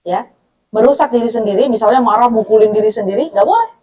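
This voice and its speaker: A woman's voice: on the high side, fast, dark tone. A woman from North Sumatra giving a conversational religious talk to women, often checking in with her listeners and acting out dialogue. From North Sumatra, Batak. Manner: acts out dialogue, laughs often. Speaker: Islamic women's study speaker.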